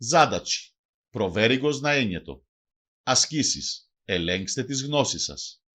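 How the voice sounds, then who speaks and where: Lively male lesson narrator. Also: medium pitch. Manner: reads words, then gives each translation, in measured teaching cadence. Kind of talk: scripted bilingual lesson narration.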